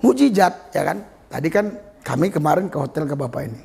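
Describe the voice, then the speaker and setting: A man's voice: fairly high pitch, very animated, fairly quick, vocal fry, a little mellow. A male pastor telling stories in a sermon, acting out other people's voices as he goes. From Nias, Indonesia. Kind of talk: storytelling sermon. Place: church service.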